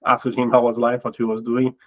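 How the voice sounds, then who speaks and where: A man's voice: medium pitch, monotone, fast talker, dull audio. A middle-aged Brazilian man with a Portuguese accent, a guest in an interview who talks thoughtfully and often repeats words as he restarts a phrase. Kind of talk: casual interview talk.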